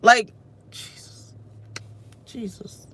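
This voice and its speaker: Speaking very slowly into a close-held phone camera, a woman in her thirties sits in her parked car and delivers an unscripted personal rant, venting and breaking off her own thoughts. Her voice is scratchy and a bit bright, and the sound is dry.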